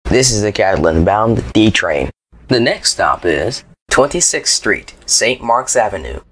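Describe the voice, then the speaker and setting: Male transit announcer, airport-announcement style: formal, measured, slightly deep, animated intonation. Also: slightly rough, dry recording. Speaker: train announcer.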